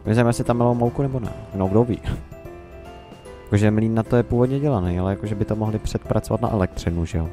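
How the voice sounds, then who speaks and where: Deep-voiced Czech man musing over gameplay. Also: over music. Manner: rambling, musing, talks to himself and the game. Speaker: let's play commentator. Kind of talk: casual gameplay commentary.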